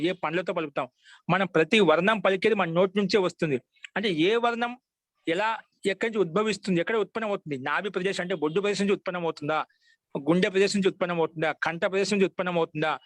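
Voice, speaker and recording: A man's voice: fairly high pitch, fairly bright tone, no room sound. A man teaching a Sanskrit grammar class, patiently repeating each example and checking that students follow. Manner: asks students for confirmation often. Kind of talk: online class lecture.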